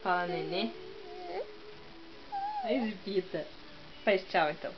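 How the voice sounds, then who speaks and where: A woman's voice: fairly low pitch, slow. A mother coaxing her toddler at home in sing-song baby talk. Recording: dull lo-fi home recording with hiss.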